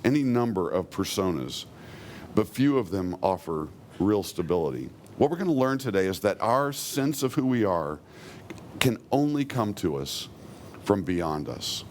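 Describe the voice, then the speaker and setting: Male pastor, sermon delivery, low voice, earnest, faint rumble in the room. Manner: earnest preaching, slows and softens when quoting God.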